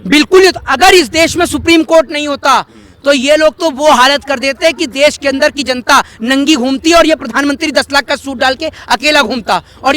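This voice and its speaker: Fiery young man, high bright voice. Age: young adult. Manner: fiery, rhetorical, repeats questions for emphasis. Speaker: interviewee. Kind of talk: heated political street interview.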